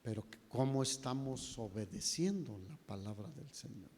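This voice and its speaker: Mexican pastor preaching in a reverberant hall. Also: male voice, medium pitch, animated, normal speed, a little mellow, slight background noise. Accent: Mexican Spanish. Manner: dramatic storytelling, voice rising and dropping to near whispers. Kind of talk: sermon. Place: church hall.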